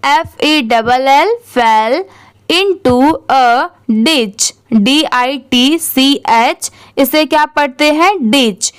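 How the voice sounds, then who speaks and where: High-voiced woman teaching slow spelling. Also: no echo. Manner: spells words letter by letter, then blends them slowly. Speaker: English reading teacher. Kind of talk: slow spelled-out reading lesson.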